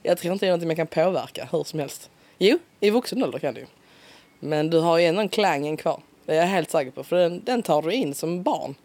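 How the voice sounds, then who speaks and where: A woman with a broad Scanian accent chatting in a relaxed interview, talkative and quick to laugh. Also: deep voice. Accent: broad Scanian Swedish. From Skåne, southern Sweden. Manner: chatty, laughs often, lively. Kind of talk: casual conversational interview.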